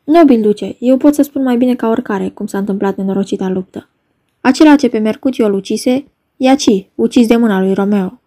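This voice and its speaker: Urgent young man friend voiced by a woman reader, mellow higher voice, play reading. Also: lightly acted. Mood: recounting. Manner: urgent, pleading delivery.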